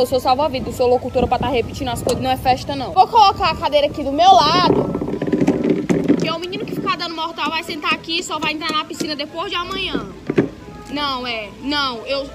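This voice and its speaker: A woman's voice: sits high, close to an everyday voice. A woman acting out comedy sketches, blunt and sarcastic, flipping from sweet baby talk to threats. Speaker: comedy sketch performer playing a nurse and a lifeguard. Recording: echoey room with loud music.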